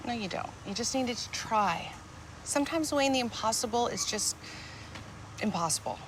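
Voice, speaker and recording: A woman plays a gentle, forgiving sitcom wife and mother. Her mid-pitched voice is measured and affectionate, with clear background noise around it. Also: expressive, lightly acted. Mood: tender. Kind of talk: sitcom acting. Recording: clearly noisy background ambience.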